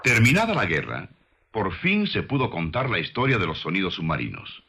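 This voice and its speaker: On an old film soundtrack, a man reads scripted documentary narration with measured, dramatic storytelling. His low, husky voice has huge pitch swings and a pushed, bright quality.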